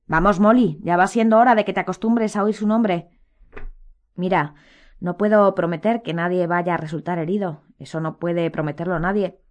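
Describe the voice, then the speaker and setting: A woman voicing a calm, firm grown man, a wizard who speaks steadily and reassuringly in an audiobook. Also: fairly low pitch, moderate pace, muffled recording, natural voice. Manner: firm, soothing. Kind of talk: audiobook character voice.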